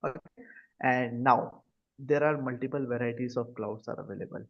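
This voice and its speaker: Over dull, lo-fi video-call audio, a cloud computing instructor with an Indian accent teaches a live online class, frequently asking short questions to check understanding. His medium-pitched voice stays steady at a moderate pace.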